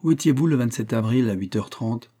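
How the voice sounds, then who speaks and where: A man's voice: mid-range voice, lively intonation, a little fast, husky. A man reading aloud, voicing a severe investigating judge who questions curtly and with authority. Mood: stern. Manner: sharp, curt, authoritative. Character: stern male investigating judge, severe and commanding.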